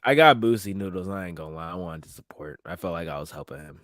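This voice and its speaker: A man's voice: deep voice, expressive, quick pace, a bit bright, dry recording, studio quality. A man hosting a podcast, chatting loosely in slang about news clips and laughing at his own remarks. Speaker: podcast host. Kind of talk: casual commentary on news clips.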